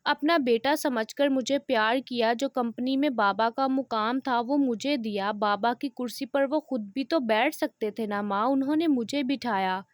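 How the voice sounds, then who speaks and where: A woman's voice: fairly high pitch, moderate pace, few pauses, no echo, clean studio sound, natural voice. A woman reading the lines of a determined young man bent on revenge in an audio novel, speaking firmly and resolutely. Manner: firm, resolute speech.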